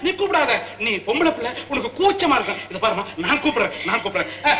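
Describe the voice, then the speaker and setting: An actor playing a gruff, gullible, blind old rich father who shouts insults. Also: very high-pitched, sing-song, fast talker, highs cut off, crowd noise. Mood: jovial. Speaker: comic film character. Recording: echoey old film soundtrack.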